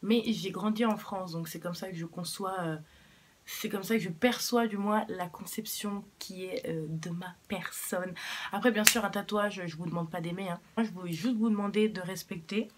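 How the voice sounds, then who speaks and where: Talking to camera at normal speed and medium pitch, this young woman from Cuba vlogs casually over slight background noise. Her manner is frank, full of fillers, with a swear word here and there.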